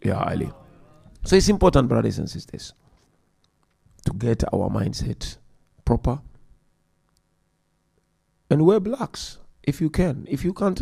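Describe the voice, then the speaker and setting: Gravelly-voiced man giving a mosque lecture. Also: medium pitch, moderate pace, long pauses. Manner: direct, animated, addresses the audience. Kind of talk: religious lecture to a congregation.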